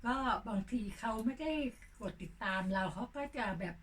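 An older woman hosting her own channel, chatting casually and slowly, her voice hoarse. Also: on the high side. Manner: slow, unhurried talk. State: hoarse, coughing. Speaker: channel host. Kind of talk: casual vlog chat. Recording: distant mic with faint noise.

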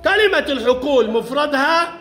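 A man teaching young pupils in a classroom, brisk and playful, calling each child up by name. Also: very high voice, animated, bright, forceful tone, some chatter behind. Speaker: primary school Arabic teacher.

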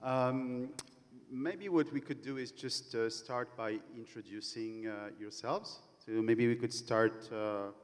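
A man's voice: medium pitch, steady tone, takes it slowly. A man moderating a conference panel, with many hesitations and fillers, on a handheld mic in a large conference hall. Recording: long hall reverb.

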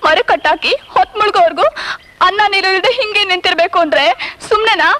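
A worried young woman who scolds and frets in the same breath. Her voice is very high, and she talks fast. It plays as 1980s film dialogue. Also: bright, forceful tone, slight background noise. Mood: fretful. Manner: fretting, scolding tone.

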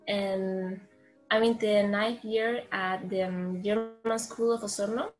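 Teen girl from chile, spanish native, slow and flat, earbud mic. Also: mid-range voice, faint music behind, low-quality recording. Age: teens. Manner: slow, with many uhs. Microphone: earphone mic.

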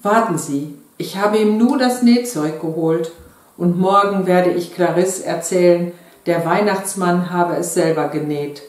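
A woman's voice: fairly low pitch, unhurried, darkish tone, close to an everyday voice. A woman voicing an eager, chatty middle-aged wife sewing doll dresses, read in a very echoey room.

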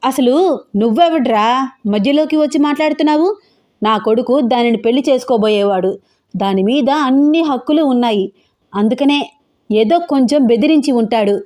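A haughty middle-aged mother storms through this audio story, shouting and scornful, as a woman narrator puts her on. Her voice sits high and shrill, with a mellow warmth underneath. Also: normal speed, lightly acted. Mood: shouting scornfully.

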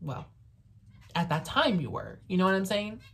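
A native Spanish speaker, this woman reviews a TV series in a casual vlog shot from her bedroom with a camera on her desk. Her mid-range voice is expressive, a bit bright, and slightly rough, at normal speed. She's sassy and outspoken, using lots of fillers.

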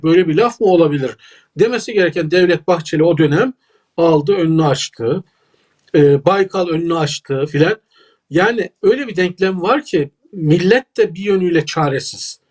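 A man's voice: high voice, fairly quick, a little mellow. A man with a Turkish accent, a political scientist giving emphatic, lecturing analysis as an interview guest.

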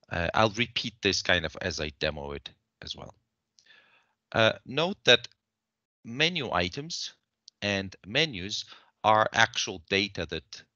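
A man walking through a software demo on a screen share, explaining steps in a measured way with frequent fillers. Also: sits low, no echo, muffled recording.

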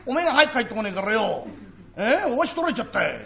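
A man voicing a rough-spoken father who grumbles and gets tricked by his son, in a live comic storytelling performance. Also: extremely high pitch, very animated, quick pace, fairly bright tone, full character voice. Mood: indignant. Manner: blunt, rough-spoken, exasperated. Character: gruff, easily fooled working-class father. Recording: dull live recording with audience laughter.

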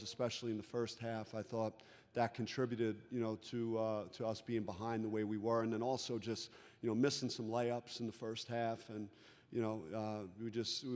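Flat-voiced middle-aged coach in a reverberant room. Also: male voice, lowish voice. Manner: measured, frequent restarts and "you know" fillers. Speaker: head basketball coach. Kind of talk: postgame press conference answers. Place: press conference room. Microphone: table microphone. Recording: long reverb of a large room.

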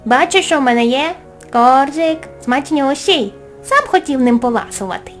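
A woman's voice: high-pitched, lively intonation, normal speed, pitched above the performer's own voice. A woman playing a grumpy forest gnome. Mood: shrill, alarmed. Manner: grumbling, indignant. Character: grumpy male forest gnome, greedy and gruff. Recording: soft music underneath.

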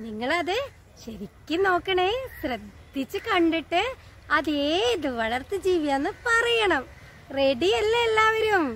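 Very high sing-song lady teacher, slow and coaxy, talking to little kids online. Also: expressive, a bit bright, a little hiss or hum. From Kerala, India. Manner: slow, sing-song, coaxing questions to children. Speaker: special-needs teacher. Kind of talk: online class for young children.

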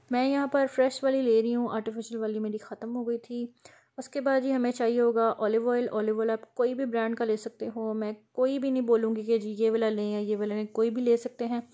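A woman's voice: on the high side, darkish tone. A woman giving a chatty, instructive home skincare tutorial, often checking in with her viewers. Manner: chatty, instructive, frequent "theek hai" check-ins. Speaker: beauty vlogger. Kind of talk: casual how-to vlog.

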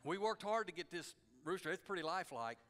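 A male pastor preaching a sermon, folksy and conversational, building to shouts. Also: high voice, lively intonation, fairly quick, a little hiss or hum. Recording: long hall reverb.

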